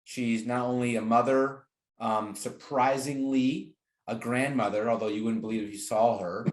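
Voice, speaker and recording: Hosting an interview podcast, this man talks at a normal speed in a medium pitch with fairly even intonation. He comes across as earnest and encouraging in a conversational way, and the sound is roomy with noticeable echo.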